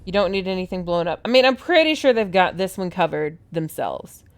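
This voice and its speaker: A woman's voice: lowish voice, expressive, a little fast. Playful woman doing casual gameplay commentary. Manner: playful, reacting aloud to characters. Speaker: gamer playing through a game. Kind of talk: casual gameplay commentary, reading dialogue choices aloud.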